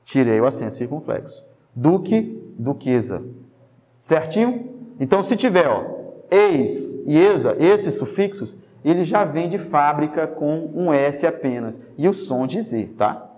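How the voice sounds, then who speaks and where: Brazilian guy teaching spelling, kinda high voice, joking around, long reverb tail. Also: unhurried. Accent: Brazilian Portuguese. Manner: lively, jokey, coaxing with tag questions. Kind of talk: spelling lesson.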